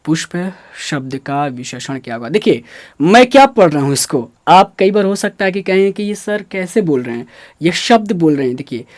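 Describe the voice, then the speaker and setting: A man's voice: on the high side, sing-song, moderate pace, no room sound, clean studio sound. A man teaching Hindi grammar for an exam. He asks questions and answers them himself, repeats the key words, and stresses careful pronunciation. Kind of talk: exam-prep grammar lesson.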